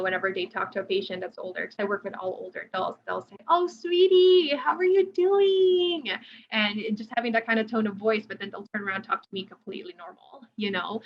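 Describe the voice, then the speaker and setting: A woman occupational therapist giving a webinar presentation, speaking conversationally with many fillers and restarts. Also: medium pitch. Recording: dull lo-fi audio, faint noise.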